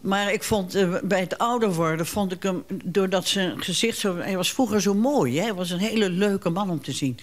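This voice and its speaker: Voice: medium pitch, normal speed, few pauses. A guest in an interview who speaks hesitantly, searching for words while reflecting.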